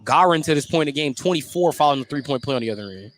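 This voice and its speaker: A male play-by-play announcer calls a high school basketball game live on radio, talking very fast. He describes the action and gets excited on the plays.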